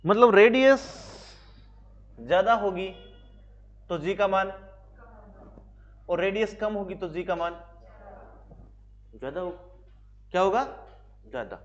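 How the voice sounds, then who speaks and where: A male physics teacher with a Haryanvi Hindi accent lectures his class in a high-pitched, unhurried voice marked by long pauses. He keeps posing questions and then answering them himself. The lo-fi recording sounds slightly dull.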